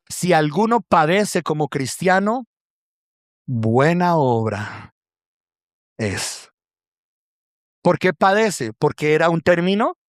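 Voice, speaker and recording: A man's voice: on the high side, no room sound, studio quality. A man preaching a sermon to his church, telling stories and acting out what people said. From Colombia. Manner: animated storytelling with acted quotes, addresses congregation as brothers. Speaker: pastor.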